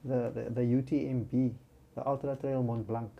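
A man's voice: medium pitch, little pitch movement, moderate pace, creaky, highs cut off. A man with a South African accent chatting casually as an interview guest, often rounding off statements with a "yeah". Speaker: podcast guest, amateur runner.

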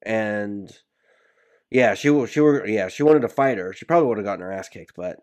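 A man co-hosting a podcast, telling stories in an animated, joking way in a casual chat. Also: fairly low pitch, fairly quick. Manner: animated storytelling with laughs. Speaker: podcast co-host.

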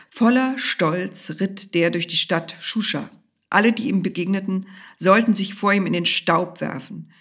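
A woman's voice: lowish voice, slightly rough. A woman narrating a storybook tale expressively, sometimes dropping to a whisper.

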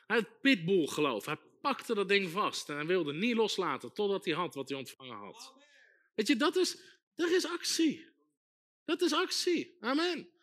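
Man, preacher, bright tense voice, emphatic, repeats phrases. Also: sits high. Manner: emphatic, repeats key phrases, builds to loud exhortation. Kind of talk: sermon.

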